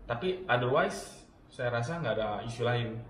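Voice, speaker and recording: A man reviewing home devices in a relaxed, casual way, with many fillers and some English words mixed in. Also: mid-range voice, normal speed, far from the mic. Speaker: product reviewer. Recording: roomy, off-mic, with steady room noise.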